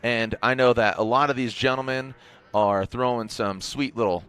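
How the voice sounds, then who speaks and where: A man's voice: mid-range voice, steady tone, moderate pace, fairly bright tone, slight background noise. Hyped man co-hosting a race stream. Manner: hyped, playful banter, teasing. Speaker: stream co-host. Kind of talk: live motorsport stream chat.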